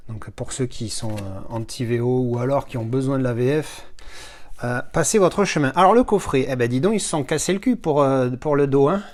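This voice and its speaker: A man's voice: mid-range voice, moderate pace. Tired, sick man unboxing films. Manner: chatty, rambling, many fillers and restarts; blunt, swears casually. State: ill and worn out. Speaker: video host unboxing films. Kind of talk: casual unboxing vlog.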